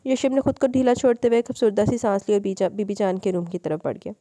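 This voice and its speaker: A woman narrating a romance audio novel in a steady storytelling manner. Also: medium pitch, fast talker, no echo. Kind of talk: scripted narration.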